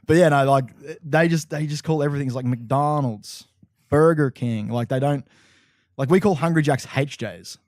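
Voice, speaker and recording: A man's voice: on the high side, brisk, a little mellow, dry recording. Rambling Australian man, dry mic. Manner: rambling, filler-heavy, laughing often. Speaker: podcast co-host. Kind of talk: casual chat.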